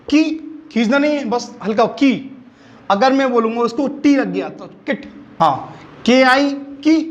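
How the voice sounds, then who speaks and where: A man teaching English phonics, spelling words letter by letter and asking repeated questions. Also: very high voice. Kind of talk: phonics lesson. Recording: dull lo-fi recording.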